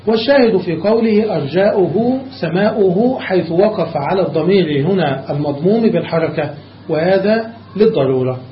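High-voiced male grammar teacher. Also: expressive, a little hiss or hum. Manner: explains step by step, checks students follow; slows down on examples. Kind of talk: classical grammar lesson. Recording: echoey lo-fi room recording.

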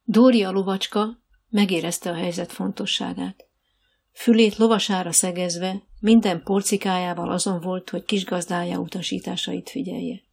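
A woman narrating an audiobook in an even, measured storytelling manner. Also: fairly low pitch, gravelly, slightly rough. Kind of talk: scripted narration.

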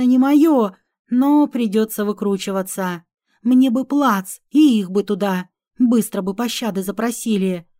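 Woman reading a fantasy audiobook, kinda high voice, mellow, wry storytelling. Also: dry recording, studio quality. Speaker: audiobook narrator. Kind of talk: first-person fantasy audiobook narration.

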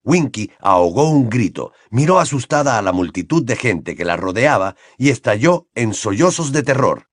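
A man narrating an audiobook with an expressive storytelling cadence. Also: mid-range voice, normal speed, few pauses, no echo, clean studio sound.

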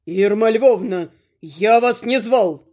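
A grumbling, exasperated father, voiced lower by a woman reader, tired and irritated. He speaks a little slower and deeper than the narration around him. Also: a little mellow, close to an everyday voice. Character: irritated weary father, son-in-law.

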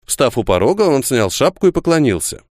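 A man narrating an audiobook in a steady storytelling manner. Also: mid-range voice, brisk, dry recording, studio quality. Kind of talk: scripted narration.

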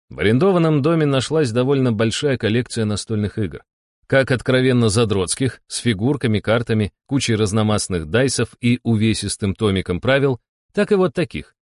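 A man's voice: mid-range voice, darkish tone, dry recording, studio quality. A man narrating a humorous novel as an audiobook in a wry, ironic tone. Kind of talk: audiobook reading.

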